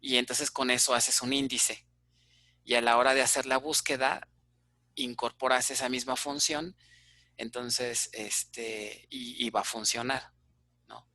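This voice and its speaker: A man with a Mexican Spanish accent lecturing an online class on databases, with a bright, clear voice. He explains patiently and keeps checking in with his listeners. The sound is dry and close, with no room around it. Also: medium pitch, fairly even intonation, unhurried, no room sound. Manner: explanatory, checks in with frequent "ok?" and "este" fillers. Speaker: university database teacher.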